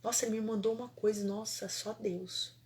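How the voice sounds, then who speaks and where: A woman, a holistic therapist telling a personal story in an animated, emphatic way, repeating phrases for effect. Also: mid-range voice, moderate pace.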